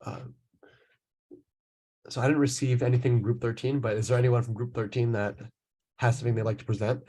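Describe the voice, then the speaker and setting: Male moderator, husky and mellow, casual hosting of an online session. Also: medium pitch, steady tone, a little fast.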